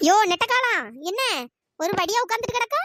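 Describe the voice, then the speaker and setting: A woman voicing a bossy, sharp-tongued old wife in a cartoon who taunts and threatens her husband. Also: very high voice, quick pace, dry recording. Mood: threatening.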